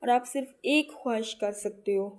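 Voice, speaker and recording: A woman telling funny everyday stories as a casual vlog voice-over, chatty and lively when she acts out others. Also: on the high side. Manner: chatty, animated when acting out the children. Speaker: vlogger.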